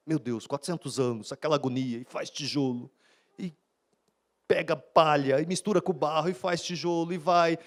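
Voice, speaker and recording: A man with a Brazilian accent, a pastor giving a live sermon at a church service in a fast, conversational way. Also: a little high, darkish tone. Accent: Brazilian Portuguese.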